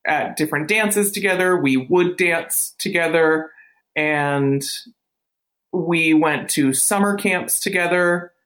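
Interview guest: a woman near forty whose voice has been digitally altered into a low disguise. She speaks slowly and hesitantly. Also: fairly bright tone. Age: late 30s. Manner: hesitant, many fillers and restarts, laughs easily. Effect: voice digitally altered and lowered to hide identity. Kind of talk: candid conversational interview.

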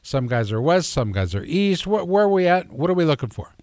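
A man's voice: a little high, big pitch swings, fairly quick, a little mellow, dry recording, clean studio sound. Joking male radio host. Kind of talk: casual radio interview.

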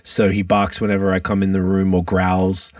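A man hosts a loose, casual podcast chat in a lowish voice. His talk is blunt, slangy and full of swearing. He sounds a bit away from the microphone, in a fairly dry space. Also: monotone, moderate pace, darkish tone, no echo, distant mic. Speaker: podcast host.

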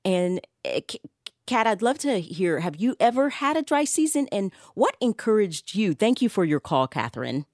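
A woman's voice: medium pitch, sing-song, moderate pace, a little mellow, dry recording, studio quality. A woman hosting a radio call-in show, affirming and encouraging the callers. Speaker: radio host.

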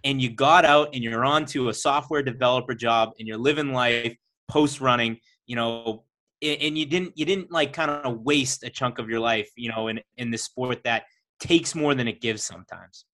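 A man's voice: medium pitch, normal speed, sharp tone. A man hosting a podcast, talking to his guest in an earnest, encouraging way. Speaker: podcast host. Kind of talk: casual podcast chat.

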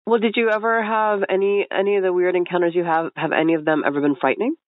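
A woman's voice: lowish voice, steady tone, quick pace, no room sound. A woman hosting a podcast, asking questions in a curious, enthusiastic, casual interview manner. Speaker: podcast host. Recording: tinny phone-like line, dry.

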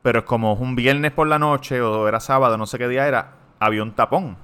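A podcast host with a Puerto Rican Spanish accent tells friends a story in a casual, animated style, cursing freely. His medium-pitched voice moves briskly with a clean tone.

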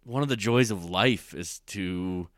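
A man with a somewhat low voice talks loosely about a classic novel, using plenty of fillers and perking up when he acts out quotes. The sound is dry and close to the mic. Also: measured pace, dry recording. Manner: conversational, animated when quoting. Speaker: discussion co-host. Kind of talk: casual literary discussion.

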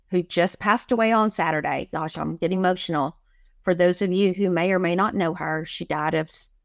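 A middle-aged woman coach talks slowly and earnestly as an interview guest, hammering her points home by repeating them. Her voice sits a little low for a woman. The recording is close and dry, with no room sound. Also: no echo. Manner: earnest, emphatic, repeats key phrases. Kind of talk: motivational interview talk.

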